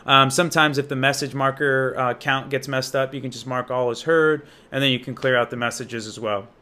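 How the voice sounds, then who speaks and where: Brisk and sharp-toned, his medium-pitched voice keeps fairly even intonation as he demos an app. The young Indiana native acts as an app reviewer, keeping the walkthrough unscripted, casual, slangy and enthusiastic.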